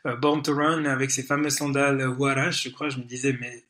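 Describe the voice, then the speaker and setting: A man's voice: mid-range voice, flat delivery, a little fast, a bit bright. A man hosting a podcast interview, chatting in a friendly, joking way and asking questions. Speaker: podcast host. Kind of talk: casual interview chat.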